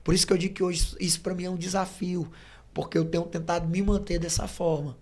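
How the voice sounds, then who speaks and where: Brief: male evangelist, gravelly, animated casual storytelling. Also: sits high, fast talker. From Brazil. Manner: animated storyteller, acts out dialogue. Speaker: evangelist guest. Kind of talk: testimony in casual podcast chat.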